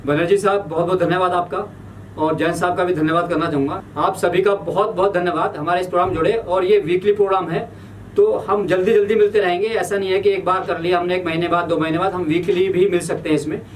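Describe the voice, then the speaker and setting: A man's voice: high-pitched, steady tone, fast talker, distant mic, slight background noise, low-quality recording. A man hosting the show, closing it with courteous, formal thanks to the panel. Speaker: host.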